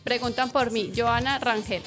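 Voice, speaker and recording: A woman's voice: fairly high pitch, fairly even intonation, normal speed. Woman, cali-tinged colombian accent, friendly, hesitant, faint music. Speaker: new sales staff member. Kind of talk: radio guest chat.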